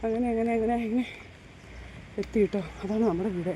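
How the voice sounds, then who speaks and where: A woman's voice: on the high side, brisk, warm tone, a little hiss or hum. Chatty woman vlogging on the move. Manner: chatty, keeps addressing viewers with tag questions. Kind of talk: casual walking vlog. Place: outdoors walking along roads, then at home.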